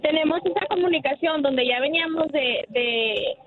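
Woman, radio caller, high voice, tinny phone line, hesitant. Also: moderate pace, background noise. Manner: hesitant, restarts words, candid. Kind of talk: phone-in conversation.

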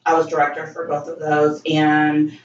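A woman's voice: low voice, completely flat delivery, normal speed. Distant-miked woman explaining in an echoey room. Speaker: cosmetic injector, interview guest. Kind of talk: casual explanatory interview talk. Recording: echoey room, distant dull mic, faint noise.

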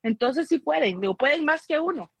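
Woman, high voice, casual chat, animated storyteller, mimics relatives, dry close sound. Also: brisk, dry recording. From Guatemala. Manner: mixes in English phrases.

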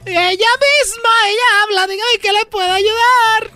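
A man voicing a snooty, haughty rich wife in a shrill falsetto. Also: steady tone, unhurried, sharp tone, dry recording, faint music behind, exaggerated voice. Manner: prim, haughty phone manner.

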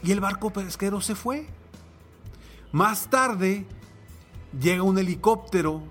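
A man's voice: high-pitched, lively intonation, slow, a bit bright, faint music behind. A man giving a reflective motivational talk, telling a personal anecdote and a parable and asking the listener rhetorical questions. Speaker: motivational speaker.

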